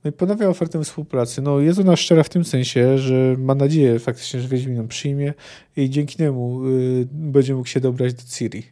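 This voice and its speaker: A man hosting a book podcast, reading passages and commenting in a relaxed, hesitant way. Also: mid-range voice, a little fast. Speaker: podcast host discussing a book. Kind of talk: book discussion with read-aloud quotes.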